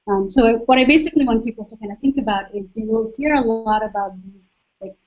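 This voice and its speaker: A soft-spoken young woman from Saudi Arabia, speaking as a guest and calmly explaining her own experience. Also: a little high, quick pace. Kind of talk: webcast talk. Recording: dull lo-fi webcast audio.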